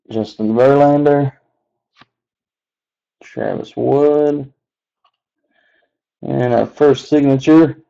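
Casting: unhurried man with a mellow, gravelly voice, lo-fi sound, listing names as he goes. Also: medium pitch. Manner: slow, relaxed listing of names with asides. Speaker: card box breaker. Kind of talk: unscripted card-opening commentary.

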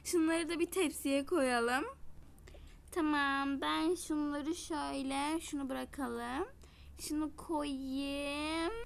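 A woman's voice: sits high, fairly even intonation, takes it slowly, gravelly. A young woman vlogging casually while baking, chatty and self-mocking. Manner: chatty, dramatic outbursts and self-mocking complaints.

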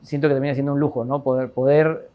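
A man's voice: medium pitch, little pitch movement, fast, highs cut off. A man in his forties from Lima with a Peruvian accent, an architect speaking thoughtfully in an interview, often tagging sentences with a questioning "no?". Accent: Peruvian Spanish, Lima. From Lima, Peru. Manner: thoughtful, many fillers and "¿no?" tags. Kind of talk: reflective interview monologue. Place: office with bookshelves, indoors.

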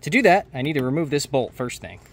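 Narrating how-to instructions for his DIY car channel, a young American host talks fast in a medium-pitched voice with big pitch swings. Clear background noise of clicks and jangling can be heard.

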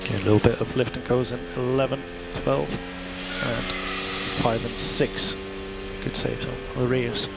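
A male race engineer with a creaky, mid-range voice gives a driver clipped, matter-of-fact instructions, repeating key phrases. It comes over noisy team radio with car sounds in the background.

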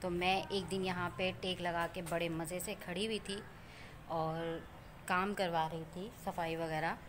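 A woman's voice: lowish voice, fairly even intonation, measured pace, noisy background. A woman from Pakistan chatting casually to her viewers in a vlog, telling a story and pointing things out around her. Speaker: vlogger. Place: rooftop outdoors.

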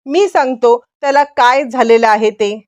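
Angry elder brother, bitter and accusing, pitched up, read by a woman narrator. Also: normal speed, natural voice.

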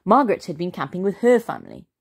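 A woman reading a children's storybook aloud in a slow, expressive way, as the channel's storyteller. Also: fairly low pitch, breathy edge.

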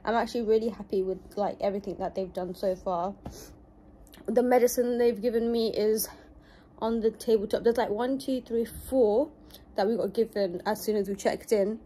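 A young woman chats to her viewers in a casual vlog, her voice shaky and strained from pain. Her tone is soft and mellow, and she keeps talking at an even, everyday pitch. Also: slight background noise. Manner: chatty, talks to viewers. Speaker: vlogger recovering from surgery.

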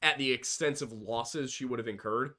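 A man co-hosting a casual history podcast, often agreeing briefly and sometimes making a measured point. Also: medium pitch, a crowd in the background. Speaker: podcast co-host.

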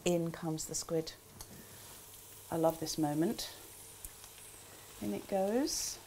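An older woman with a relaxed, chatty manner, talking through a recipe in a small kitchen. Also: low voice, slow, a little hiss or hum. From England. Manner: chatty, relaxed asides with frequent ums. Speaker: cookbook author demonstrating a recipe. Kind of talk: casual cooking demonstration. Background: food sizzling in a pan.

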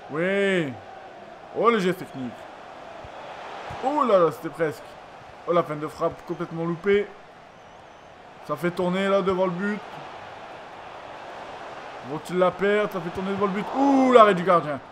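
A man commentating his own football video game match, excitable and repeating his exclamations, sounding freshly woken up. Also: sits high. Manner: excitable, repeats phrases, lots of ooh-la-la exclamations. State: just woke up, yawning. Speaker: gaming YouTuber. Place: home room at a computer. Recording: noisy home recording.

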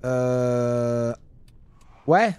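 A young man giving casual, jokey commentary while playing a driving game, now and then yelling at other drivers. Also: medium pitch, drawn-out words. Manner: chatty, jokey, swings to loud yelling at drivers. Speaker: gaming youtuber.

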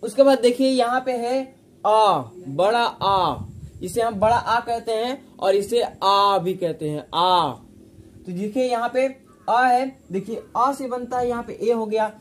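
A teacher giving a patient online spelling lesson, repeating each point and stretching out sounds to demonstrate them. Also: mid-range voice. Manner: recites sound pairs in slow sing-song.

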